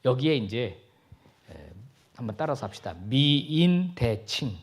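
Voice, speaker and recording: A man's voice: mid-range voice, a little slow, breathy edge. A male pastor giving a sermon, joking with the congregation and acting out little dialogues. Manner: animated, jokey, acts out dialogue. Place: church sanctuary.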